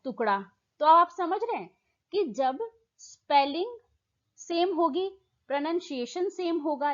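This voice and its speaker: A woman teaching exam prep, affectionately addressing students and repeating each point, reading English questions out slowly. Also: sits high, highs cut off. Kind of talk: explaining lesson in Hindi mixed with English.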